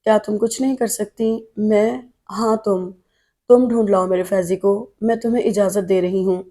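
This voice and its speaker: A woman's voice: mid-range voice, fairly even intonation, warm tone, natural voice. A woman voicing a grieving elderly mother in an audiobook who pleads tearfully for her lost son. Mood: pleading.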